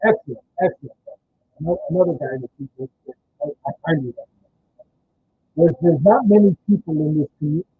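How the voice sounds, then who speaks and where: Husky and animated, this livestream host speaks quickly at a fairly high pitch with a Chicago accent. He rambles casually, often stammering and starting over, over muffled lo-fi audio with faint background noise.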